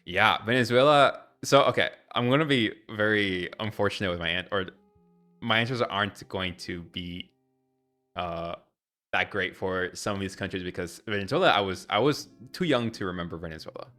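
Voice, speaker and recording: A man's voice: on the low side, moderate pace, pushed and bright, faint music behind. A young man from Ecuador chatting candidly on a live stream, rambling and correcting himself as he answers viewers. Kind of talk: casual live-stream chat.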